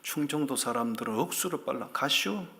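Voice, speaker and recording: A man's voice: mid-range voice, expressive, brisk, vocal fry, very noisy. A man, a pastor, giving a sermon in a church, telling jokes and asking his congregation questions. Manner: humorous, asks the congregation questions.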